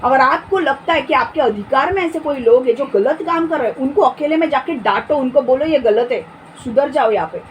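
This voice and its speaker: A woman with a high voice preaches a forceful sermon, firing off rhetorical questions and scolding her listeners. Faint background noise sits under her speech. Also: a little fast, highs cut off.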